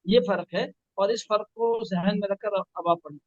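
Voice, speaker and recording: A man teaching Quran reading one-on-one, patiently correcting and spelling out sounds slowly. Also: high-pitched, steady tone, dry recording, lo-fi sound. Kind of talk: one-on-one recitation lesson.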